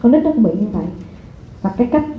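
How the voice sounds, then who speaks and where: A woman giving a live parenting seminar, talking lively and constantly asking the audience rhetorical questions. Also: a little high, quick pace. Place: lecture hall before an audience. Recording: echoey hall over a phone-like line, faint noise.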